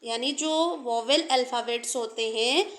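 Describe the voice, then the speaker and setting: A woman's voice: fairly high pitch, moderate pace, a bit bright, reverberant. A woman teaching an English grammar lesson in Hindi and English, explaining step by step while she writes.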